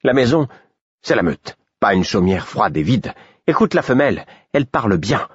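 A man's voice: lowish voice, very animated, normal speed, slightly rough, dry recording, muffled recording, voice pushed up. A man voicing a sly, hungry male wolf who mocks and speaks in another's mind, in an audiobook. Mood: mocking. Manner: mocking, eager.

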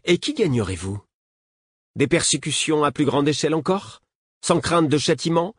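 A man's voice: on the high side, dry recording, studio quality, voice pushed up, lightly acted. A man voicing an earnest young boy in an audiobook, speaking bluntly. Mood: sarcastic.

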